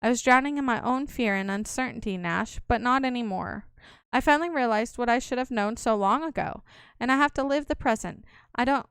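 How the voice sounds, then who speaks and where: Woman reading resolved young game heroine, smooth high voice. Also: a little fast, dry recording, clean studio sound. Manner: calm, resolved. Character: earnest young woman destined to lead a guild.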